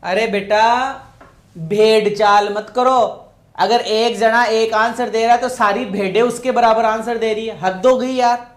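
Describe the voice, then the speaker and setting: A man's voice: high-pitched, steady tone, a little slow. Man teaching, scolding and coaxing, echoey room. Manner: scolding, coaxing, repeating questions to students. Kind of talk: online class teaching English grammar.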